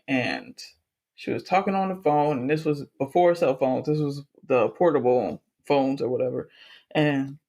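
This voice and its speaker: A man co-hosting a podcast, telling a story in casual chat with lots of swearing and laughter. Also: on the high side. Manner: animated, profane, laughs through his stories. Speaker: podcast co-host.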